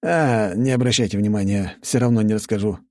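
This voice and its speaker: A man's voice: lowish voice, a little fast, mellow, dry recording, pitched above the performer's own voice, lightly acted. A man doing a wry joking young aristocrat.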